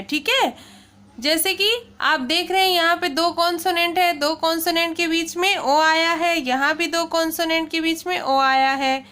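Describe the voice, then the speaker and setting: Her voice is very high-pitched, bright and forceful as she teaches children pronunciation in a classroom-style lesson. She spells words letter by letter, explains slowly and carefully, and keeps checking in with "okay".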